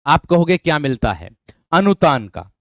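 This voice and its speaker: A man's voice: on the high side, big pitch swings, normal speed, a bit bright, no echo. A male teacher running an online exam-prep class, calling students "my friend" and repeating questions to drill them. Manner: addresses students as "my friend", asks for thumbs up.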